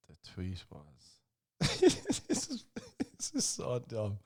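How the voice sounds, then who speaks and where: A man's voice: mid-range voice, huge pitch swings, slow pace, a little mellow, husky. A man hosting a comedy podcast in casual chat. He swears freely, laughs often and reads tweets aloud. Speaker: podcast host.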